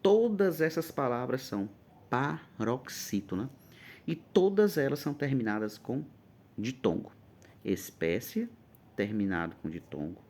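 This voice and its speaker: Lively man teaching exam prep. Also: medium pitch, unhurried. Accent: Brazilian Portuguese. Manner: lively, emphatic, checks in often. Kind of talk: informal exam-prep lesson.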